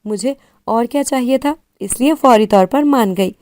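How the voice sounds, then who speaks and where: This is a calm, confident fifteen-year-old girl who runs her own clinic, voiced by a woman reading a story. She explains things evenly, in a mellow, dry, close voice. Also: fairly high pitch, no room sound, lightly acted. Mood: explaining. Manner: calm and self-assured, explaining.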